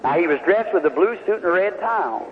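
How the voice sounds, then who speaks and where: A man's voice: high-pitched, animated, fast. Male preacher, folksy storyteller, long reverb of a big hall, faint hiss under it. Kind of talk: sermon testimony storytelling. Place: large hall before a congregation. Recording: tinny old hall recording with faint hiss.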